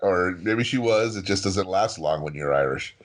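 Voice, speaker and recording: Low wry man commenting. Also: lively intonation, moderate pace. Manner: wry, acts out characters' lines. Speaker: podcast co-host. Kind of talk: casual chat.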